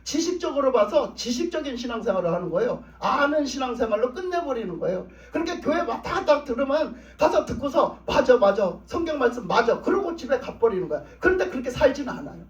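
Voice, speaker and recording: High-pitched fast-talking male pastor preaching. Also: big pitch swings. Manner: emphatic, repetitive preaching. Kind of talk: sermon. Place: church sanctuary. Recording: roomy, distant, dull church recording.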